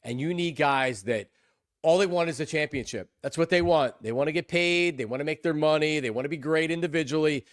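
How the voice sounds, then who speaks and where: A man hosting a sports talk show, excitable and rambling, often repeating his words. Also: fairly high pitch, brisk, no echo, clean studio sound.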